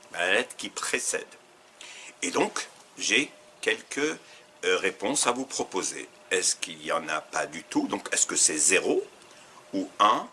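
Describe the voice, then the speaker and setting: A man with a fairly low but bright, forceful voice, running a quiz for his learners. His pitch swings widely as he poses each question, and he goes back over the answer choices one by one. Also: a little hiss or hum. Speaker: Arabic teacher.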